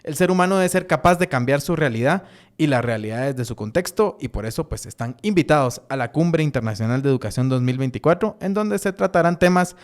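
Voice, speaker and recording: A man reading a sponsor message at a steady pace. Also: on the high side, fairly quick. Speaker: sponsor announcer.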